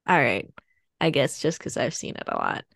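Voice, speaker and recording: Woman podcast cohost rambling thru a plot summary, lots of ums, gravelly low voice. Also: wildly swooping pitch, moderate pace, fairly bright tone, no room sound, clean studio sound. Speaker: podcast co-host. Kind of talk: casual chat.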